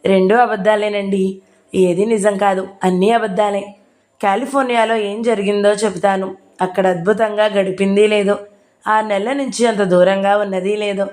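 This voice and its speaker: A woman's voice: mid-range voice, steady tone, normal speed, darkish tone, natural voice. A woman voicing an indignant young wife who insists the accusations are lies, read in an audio novel. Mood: insistent. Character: young woman wronged by her husband, indignant.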